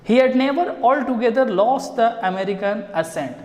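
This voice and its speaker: A man's voice: very high-pitched, expressive, normal speed, darkish tone. A man with an Indian accent, teaching an English story line by line and asking his students questions. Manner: explains line by line, asks students rhetorical questions. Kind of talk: classroom lesson explaining a story. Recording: echoey room with long reverb.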